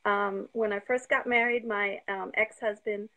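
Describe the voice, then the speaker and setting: A woman in her fifties, a guest on a live video interview, telling her story eagerly and sounding slightly out of breath on a phone call. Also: mid-range voice. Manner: eager, talks fast when excited.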